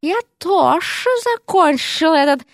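A woman voicing a haughty snake-woman professor who hisses and drags her words out slowly. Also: high-pitched, gravelly, no room sound, clean studio sound, voice pushed up. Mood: hissing. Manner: hissing, slow and drawn out.

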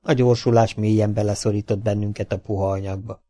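A man with a Hungarian accent reading a science fiction audiobook in an even, measured way. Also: lowish voice, no room sound, clean studio sound. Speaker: audiobook narrator. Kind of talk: scripted narration.

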